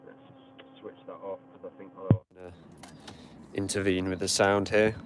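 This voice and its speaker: A man's voice: low-pitched, flat delivery, a little slow. A British man in his twenties, chatting casually through a live-stream Q&A beside his car and answering viewer questions. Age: 20s. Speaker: channel host. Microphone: camera on a tripod. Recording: outdoor street and engine noise. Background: car engine and outdoor ambience.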